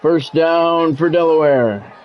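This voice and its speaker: Chatting with stream viewers, an American man calls a football video game live like a radio sportscaster, in short, clipped phrases. He speaks slowly in a slightly high voice. Background music plays under a dull, lo-fi mic.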